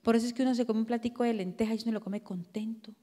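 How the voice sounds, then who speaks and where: High-voiced Colombian woman preaching. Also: racing, long reverb tail. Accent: Colombian Spanish. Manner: animated, conversational preaching with rhetorical questions and acted quotes. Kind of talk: sermon. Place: church hall.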